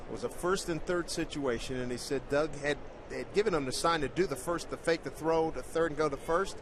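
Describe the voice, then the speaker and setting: A man calls a baseball game play-by-play in a brisk, lively voice that sits a little high. The crowd and stadium noise come through clearly behind him. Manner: brisk, excited on big plays. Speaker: play-by-play announcer.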